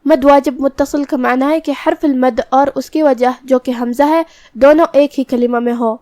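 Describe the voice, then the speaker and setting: This high-pitched woman keeps a steady, warm tone as she goes through tajweed rules letter by letter, slowly chanting verses of the Quran. The recording is dry.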